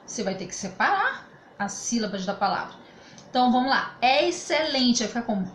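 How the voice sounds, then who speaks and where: A woman's voice: a little high, very animated, fairly quick. Brazilian woman teacher, patient and echoey. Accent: Brazilian Portuguese. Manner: patient, explanatory, repeats "tá?" to check understanding. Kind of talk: remote grammar lesson. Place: home room during quarantine. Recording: echoey room with faint ambient noise.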